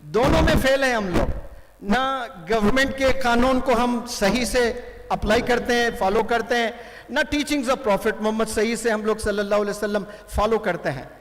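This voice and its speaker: A man's voice: extremely high pitch, normal speed. A man giving a motivational lecture to students, speaking emphatically and switching between Hindi-Urdu and English. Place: large hall with audience. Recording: reverberant hall.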